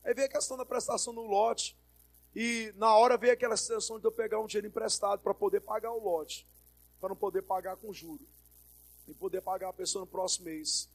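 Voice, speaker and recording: A Brazilian pastor with a high-pitched male voice delivers a sermon. He tells a personal story, acts out the dialogue in it and calls out to the congregation as he preaches. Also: fairly even intonation, a little fast. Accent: Brazilian Portuguese.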